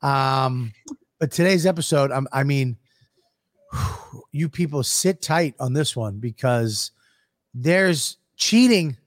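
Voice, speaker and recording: A man's voice: on the high side, no echo, studio quality. A man co-hosting a podcast in casual banter, rambling with stammered restarts and teasing his co-host.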